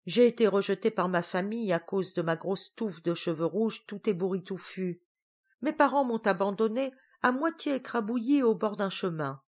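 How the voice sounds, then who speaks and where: A woman's voice: medium pitch, animated, moderate pace, darkish tone. A woman voicing a small, cheeky worm creature with a childlike, sing-song way of talking. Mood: plaintive. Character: small cheeky red-tufted worm, young.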